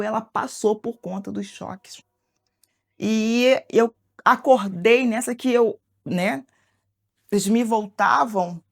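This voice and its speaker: A woman from Brazil giving an emotional, halting personal testimony for a documentary. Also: medium pitch. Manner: emotional, halting, reenacting what was said. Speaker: documentary interviewee.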